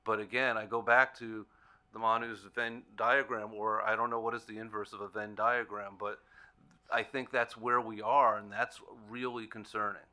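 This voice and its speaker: A man's voice: lowish voice, flat delivery, moderate pace, pushed and bright. A man, speaking as a consumer advocate on a panel in an earnest, plainspoken way. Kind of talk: panel discussion remarks.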